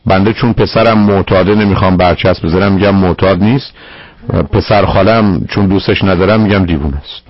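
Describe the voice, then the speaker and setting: A man's voice: low-pitched, no echo. A man counseling a caller on a radio advice show, talking firmly and bluntly. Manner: firm, blunt, addresses caller formally. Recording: dull lo-fi radio broadcast.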